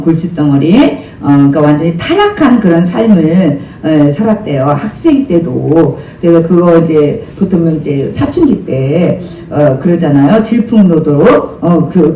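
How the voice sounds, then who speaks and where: A male senior pastor preaching a church sermon in an animated, conversational way, drawing replies from the congregation. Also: a little high, moderate pace, hardly any pauses, slight background noise. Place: church sanctuary. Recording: roomy sound from some distance with faint ambience.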